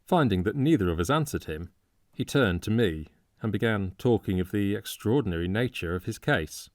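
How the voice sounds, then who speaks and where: Male audiobook narrator, measured and low-pitched; dry close-mic studio read. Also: animated, dry recording.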